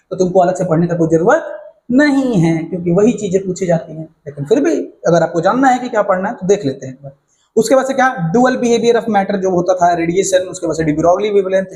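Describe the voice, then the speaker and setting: A male teacher walking students through a syllabus in a casual, fast-talking way, often checking that they follow. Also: sits high, a little mellow, rough recording. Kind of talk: casual syllabus walkthrough lesson.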